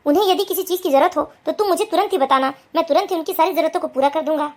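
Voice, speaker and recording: A woman voicing a calm, dutiful young husband in a cartoon, lowering her voice and speaking firmly. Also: very fast. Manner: calm, firm, lower put-on voice.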